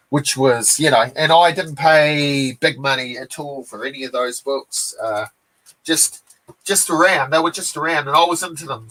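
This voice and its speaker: With a mid-range voice, a New Zealand man in his forties rambles easily about his comic collection during a live stream. Fillers and restarts run throughout, and the recording is low quality.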